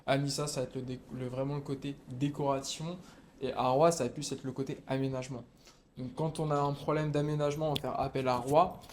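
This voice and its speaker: A man's voice: mid-range voice, level tone, fairly quick, a little hiss or hum. Practical man explaining sales work. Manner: plain, practical, hesitant with fillers. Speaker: kitchen salesperson. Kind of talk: casual answers to young visitors. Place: kitchen showroom.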